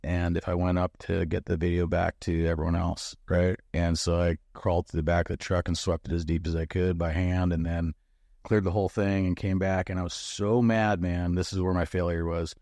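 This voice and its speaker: A middle-aged man with a very low voice tells a story bluntly and with plenty of swearing. He sounds animated and frank, like a former military chief talking with a friend. The recording is dry and close. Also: brisk, no room sound. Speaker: guest, former bomb disposal chief. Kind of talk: casual storytelling conversation.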